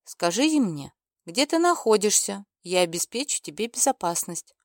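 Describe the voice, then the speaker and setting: A woman reading the lines of a calm, stern male dark lord in a firm, commanding way, in an audiobook. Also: mid-range voice, moderate pace, no echo, studio quality.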